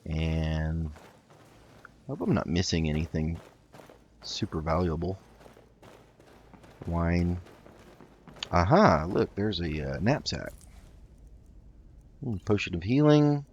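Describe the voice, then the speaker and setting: Faint game music plays under this slightly dull mic recording, along with slight background noise. A man hosting a casual roleplay let's play chats and thinks aloud in a low voice, speaking slowly and pausing for long stretches.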